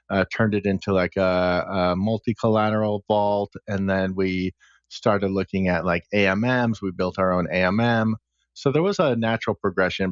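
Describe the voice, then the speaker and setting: A man's voice: lowish voice, no echo, dull audio. A man chatting casually as a podcast guest, recounting his career path step by step. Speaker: podcast guest, smart contract engineer. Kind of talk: casual interview chat.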